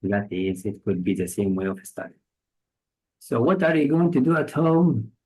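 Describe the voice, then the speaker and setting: A man's voice: mid-range voice, big pitch swings, normal speed, darkish tone, rough recording. A man teaching English vocabulary for test prep with an Egyptian accent, patiently explaining each word through examples and synonyms.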